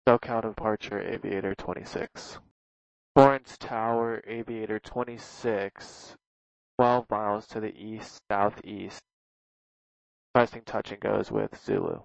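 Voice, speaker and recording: A man's voice: fairly low pitch, steady tone, unhurried, creaky, no echo. A man speaking as a pilot over the aircraft radio, giving terse, clipped readbacks in radio phraseology. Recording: dull lo-fi radio transmission.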